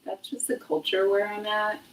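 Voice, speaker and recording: Speaking at normal speed in a mid-range, completely flat voice, this US vlogger in her thirties chats on a home livestream indoors in her kitchen. She's talkative and self-deprecating, now and then whispering to test the mic. Her phone with a clip-on mic adds a little hiss or hum.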